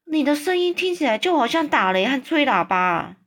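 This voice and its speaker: A woman voicing a small, brave, polite young girl in a storybook read-aloud, speaking in a bright, eager, childlike tone. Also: high voice, sing-song, moderate pace, voice pushed up, heavily acted.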